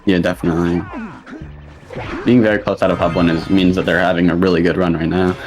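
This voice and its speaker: A man's voice: low-pitched, little pitch movement, fast talker, darkish tone, lo-fi sound, soft background music. A young man giving casual commentary on a video game speedrun race.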